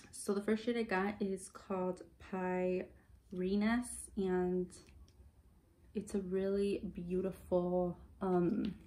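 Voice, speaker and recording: Hushed, mellow young woman vlogging quietly. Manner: hushed, low voice so as not to wake a sleeping baby. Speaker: beauty vlogger. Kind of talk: casual chat to camera, makeup haul.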